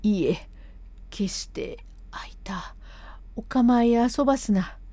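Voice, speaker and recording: A man's voice: very high-pitched, unhurried, dark tone, dry recording. A woman voicing a young male disciple who fakes illness, humbly refusing in old-fashioned polite speech. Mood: politely declining.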